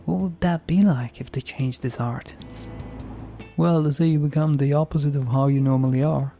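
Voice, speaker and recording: Disgruntled game office worker, played by a man, hammy amateur bad acting, very soft-toned, music behind. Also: on the high side, steady tone, normal speed, gravelly. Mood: earnest, hopeful. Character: disgruntled office worker griping about his boss. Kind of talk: reading game dialogue aloud.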